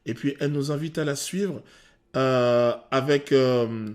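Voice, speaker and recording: A male vocal coach talks through a song's technique in detail, often pausing on "euh". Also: medium pitch. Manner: technical and animated, many "euh" pauses. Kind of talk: explanatory song analysis.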